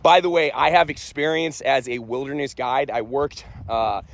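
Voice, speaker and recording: A man's voice: medium pitch, moderate pace. A young man speaking candidly and earnestly about his own Army experience, in a casual storytelling way. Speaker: vlogger and Army veteran. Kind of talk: casual first-person storytelling.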